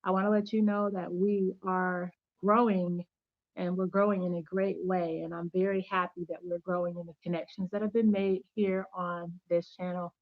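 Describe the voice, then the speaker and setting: A woman's voice: fairly low pitch, flat delivery, normal speed, no echo. Woman, livestream host, chatty, upbeat, dry slightly dull home audio. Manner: chatty, upbeat, greets viewers by name and thanks them. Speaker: channel host giving faith-based teaching. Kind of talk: casual livestream chat.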